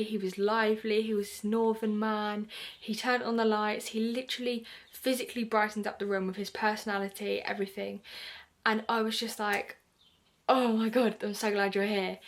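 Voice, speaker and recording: A young woman from the UK telling a personal story to camera in a chatty way, full of "like" and acted-out quotes. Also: medium pitch. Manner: chatty, lots of "like", acts out her own quotes. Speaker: vlogger.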